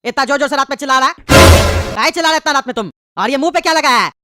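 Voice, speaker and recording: A woman's voice: high-pitched, racing, bright, forceful tone, a little hiss or hum. A woman voicing an exasperated cartoon father who keeps scolding his sons. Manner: scolding, impatient.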